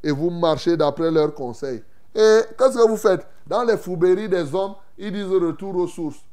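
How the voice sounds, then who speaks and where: A man preaching a sermon, retelling Bible scenes in an animated way with folksy asides to the congregation. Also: high-pitched, normal speed. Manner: animated, acts out Bible scenes with loud outbursts.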